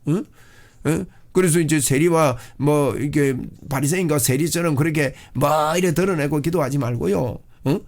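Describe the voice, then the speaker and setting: A man preaching a sermon as a pastor, fervent, often rising into loud cries of prayer. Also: fairly high pitch, normal speed.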